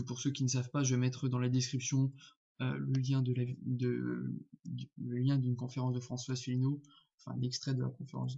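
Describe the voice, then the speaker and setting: A man's voice: mid-range voice, creaky, mellow, breathy edge, highs cut off. A man, talking casually to his viewers in an indignant, rambling way, full of fillers and restarts. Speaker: vlogger. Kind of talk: casual vlog commentary.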